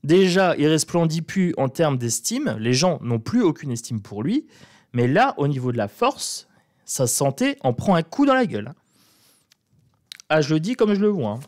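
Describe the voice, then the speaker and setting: A man's voice: on the high side, sing-song, moderate pace, darkish tone. Chatty northern French man reading tarot. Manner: irreverent, mocking, chatty. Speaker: tarot card reader. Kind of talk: casual tarot reading monologue.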